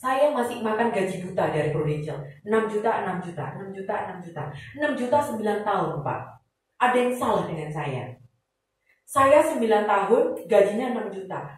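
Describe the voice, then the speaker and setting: A woman with a Javanese-tinged Indonesian accent giving an animated motivational testimony at a sales event, acting out dialogue and mixing in English phrases. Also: mid-range voice. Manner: animated storyteller who acts out quoted dialogue and mixes in English phrases. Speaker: speaker sharing her testimony at a sales event. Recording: echoey hall, mic far off.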